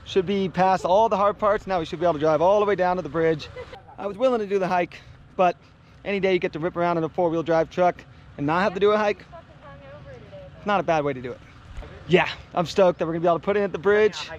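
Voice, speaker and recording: A high-voiced man talks excitedly to the camera while out on a river trip, his words cutting through loud rushing water and wind. He sounds stoked and casual, with an easy vlogger's energy. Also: dull audio. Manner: excited, hyped, shouting whoops. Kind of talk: casual outdoor vlog narration. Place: outdoors by a river and snowy road.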